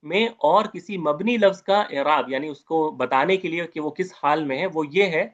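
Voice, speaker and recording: A man with a fairly high voice teaches Arabic grammar in an online lecture. He drills each term over and over and keeps checking in with his students. The recording is dull and lo-fi. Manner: repetitive, drilling Arabic terms with questions to students.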